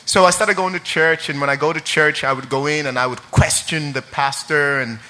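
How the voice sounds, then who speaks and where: A man's voice: fairly high pitch, fairly even intonation, a little fast, sharp tone. A young man from Ireland, sharing his testimony at a church service in a chatty way full of fillers and laughter, then reading scripture.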